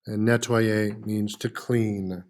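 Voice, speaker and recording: A man's voice: fairly low pitch, level tone, slow pace. A man teaching a French lesson, patiently repeating words with frequent "uh" fillers. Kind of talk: classroom lesson.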